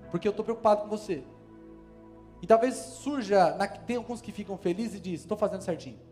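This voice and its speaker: A man with a fairly high voice preaches in a Brazilian Portuguese accent, pressing each point with emphatic force. His sermon swells toward sudden loud calls. A faint wash of music sits behind him. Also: a little fast. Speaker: pastor. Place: church service.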